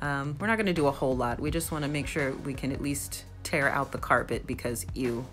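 Speaking briskly, a young woman vlogger with a low voice narrates her project in a casual voice-over, bubbly and easily thrilled, while soft music plays faintly in the background.

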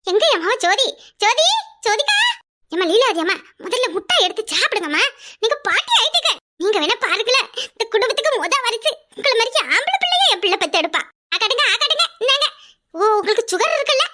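A woman's voice: very high-pitched, sharp tone, exaggerated voice. A woman voicing a pleading, tearful middle-aged mother of a bride, speaking with a Kanyakumari Tamil accent. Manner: emotional, pleading, often on the edge of tears. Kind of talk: cartoon voice acting.

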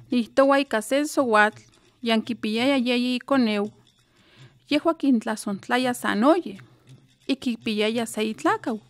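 A woman from Guerrero, Mexico, telling a traditional folk tale in a slow, measured, soft-spoken way. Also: fairly high pitch, no echo. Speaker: writer and storyteller.

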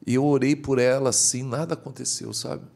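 Lively storytelling bishop, mid-pitched man. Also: fairly quick, gravelly. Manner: lively storyteller whose voice climbs high when excited. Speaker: bishop and podcast guest. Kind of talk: storytelling in a podcast interview.

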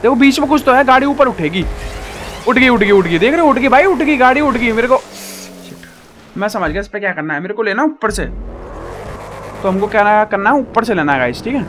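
Excitable high-voiced gaming streamer. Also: male voice, brisk, long pauses, a little hiss or hum. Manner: excitable, shouting at the game, playful banter with viewers. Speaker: gaming YouTuber. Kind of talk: excited live gameplay commentary.

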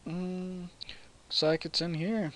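A man's voice: sits high, fairly even intonation, takes it slowly, fairly bright tone. A man casually commentating his own game playthrough in a chatty way, reading the on-screen text aloud. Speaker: let's play host.

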